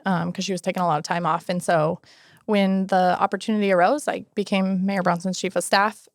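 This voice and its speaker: A woman's voice: fairly low pitch, no echo, studio quality. A woman in her early thirties, a guest in an interview, telling her story in a casual way and acting out quoted remarks along the way. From Alaska, United States. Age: 30s. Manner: storytelling, animated quoted asides. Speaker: guest, city housing and homelessness coordinator.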